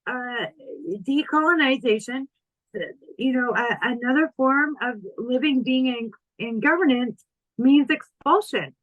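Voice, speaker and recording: A woman with a high voice hosts a relaxed conversation and thinks aloud with small stumbles and restarts. Her audio sounds dull and muffled, like a lo-fi recording. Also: measured pace. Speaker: podcast host. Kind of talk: casual conversation.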